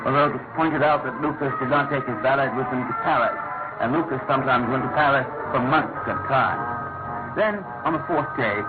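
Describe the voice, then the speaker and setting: An actor playing an earnest, gentlemanly British doctor and storyteller in a radio mystery, speaking in a measured, literary way. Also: male voice, mid-range voice, close to an everyday voice. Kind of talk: radio drama acting and scripted narration. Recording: tinny old radio recording, loud music.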